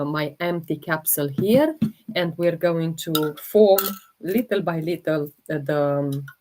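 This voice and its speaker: A woman from Romania with a Romanian accent, hosting a holistic health livestream, talking casually and hesitantly while she demonstrates and answers viewer comments. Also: sits low. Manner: slow, hesitant, many fillers while demonstrating.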